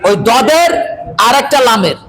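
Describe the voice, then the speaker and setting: High-voiced man teaching Quran recitation. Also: expressive, normal speed, a bit bright, poor audio. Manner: repeats checking questions to students, stresses letters aloud. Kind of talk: classroom recitation lesson.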